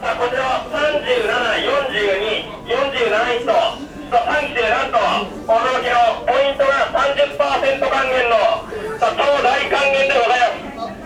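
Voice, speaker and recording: A man's voice: very high-pitched, fairly even intonation, moderate pace, heavy background noise. A man giving live sales patter as a store announcer, chanting in the manner of a pachinko announcer over an echoey PA. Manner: chanting salesman delivery with repeated interjections. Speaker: electronics store floor announcer. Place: large busy electronics store. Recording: echoey store PA, far off, loud crowd.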